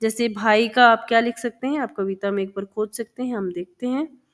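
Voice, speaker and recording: A woman's voice: fairly high pitch, fairly even intonation, a little fast. A woman teacher explaining a children's textbook lesson, patiently repeating words and sounds for young pupils.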